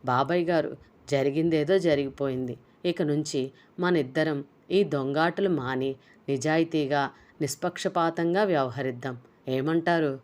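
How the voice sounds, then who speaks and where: A woman's voice: low voice, moderate pace, a little mellow, natural voice. A woman voicing a nervous young man who is sly but apologetic, talking in a hesitant, pleading way. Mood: coaxing.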